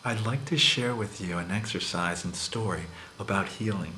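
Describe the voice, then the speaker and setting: A man speaking softly and earnestly as a self-important meditation guide in a mock guided meditation. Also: fairly low pitch, moderate pace. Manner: soft-spoken, earnest, solemn, self-important. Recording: very echoey, distant mic, faint noise.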